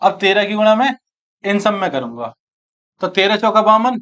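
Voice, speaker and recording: High-voiced man teaching maths, muffled. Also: very animated, moderate pace, fairly bright tone. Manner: talks through calculations aloud, asking and answering his own questions; addresses students as friends and brothers. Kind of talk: exam-prep maths lesson.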